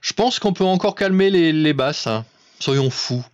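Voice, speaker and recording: Over amateur radio, a man casually walks another operator through settings in an informal, instructive technical chat. His voice is on the high side with lively intonation and an unhurried pace, and the highs in the audio are cut off.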